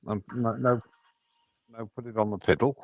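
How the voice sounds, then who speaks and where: A man's voice: mid-range voice, fairly even intonation, normal speed, a little mellow, no echo, dull audio. A man co-hosting a woodturning call, giving directions with a chuckle and repeating himself. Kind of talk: casual live-stream chat.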